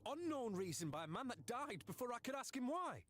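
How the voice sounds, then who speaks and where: A stammering, nervous guest. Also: male voice, very high-pitched, very animated, a little fast, a bit bright, slight background noise, full character voice. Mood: anxious. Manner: anxious, stammering, defensive. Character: nervous male guest caught up in murders.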